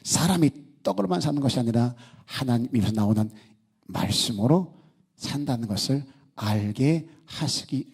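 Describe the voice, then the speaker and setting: Warm, husky-voiced male pastor preaching. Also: mid-range voice. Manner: conversational, asking the congregation many rhetorical questions; acts out quoted speech in the story. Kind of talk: sermon.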